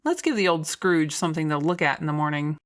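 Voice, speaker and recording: A woman's voice: sits low, quick pace, voice pushed down, lightly acted. Woman as an eager, playful small-town friend. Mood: mischievous.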